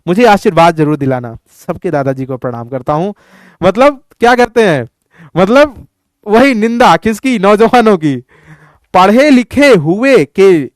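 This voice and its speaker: A male teacher chats through a lesson, joking and teasing his students. His voice is high and clear. The sound is dry and close. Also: no room sound. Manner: playful, teasing, asks students questions. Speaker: Hindi teacher. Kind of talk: casual lesson explanation.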